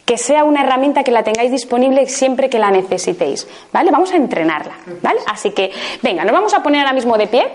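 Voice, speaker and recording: A woman's voice: sits high, very animated, quick pace. A woman from Spain with a Spain Spanish accent, leading a live laughter workshop, coaxing the group with questions and bursts of laughter. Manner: bursts into laughter exercises, loud "ja" calls.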